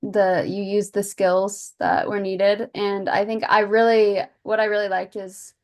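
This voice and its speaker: A woman's voice: mid-range voice, little pitch movement, a little slow, a little mellow. A woman chatting casually as a student role-play partner, agreeable and a little tentative in giving feedback. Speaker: student playing the client in a practice role play. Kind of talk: casual peer chat and feedback.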